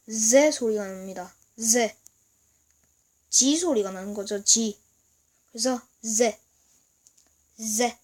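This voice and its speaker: A woman giving a casual video lesson, explaining slowly and haltingly and often clearing her throat. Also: fairly high pitch, dark tone. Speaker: language teacher. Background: noise from outside.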